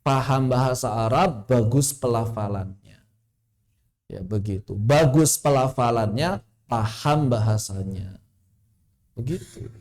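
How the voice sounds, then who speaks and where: A man teaching tajwid in an online class. He explains with examples and recites Arabic phrases in a drawn-out chant. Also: mid-range voice, darkish tone. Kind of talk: online lesson. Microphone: online class microphone.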